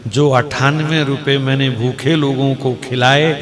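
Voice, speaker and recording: A man's voice: medium pitch, fairly even intonation, unhurried, crowd noise, natural voice. A man voicing a poor, humble holy man who pleads tearfully and feels guilty.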